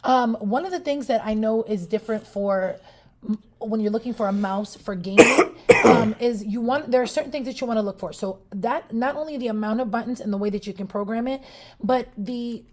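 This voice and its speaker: A woman with a Puerto Rican accent reviews a product live on a shopping livestream, chatty and loose, restarting sentences and making asides to viewers. She speaks fairly quickly with a fairly high pitch.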